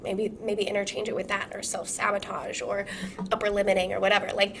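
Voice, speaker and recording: Woman, hoarse from illness, live-streamed masterclass, healing coach, casual and profane, lively rhetorical questions, mid-height voice. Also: mid-range voice, a little fast, slight background noise. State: hoarse from being sick.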